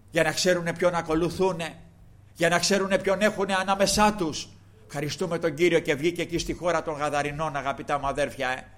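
A man's voice: on the high side, a bit bright. An older man preaching a sermon with fervor, repeatedly breaking into praise refrains and speaking directly to the congregation. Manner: fervent, punctuates with praise refrains; addresses the flock, slow emphatic stretches.

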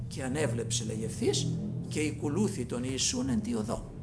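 A man preaching a sermon in a dramatic way, swinging from loud calls to hushed asides. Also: medium pitch, sing-song, over loud music.

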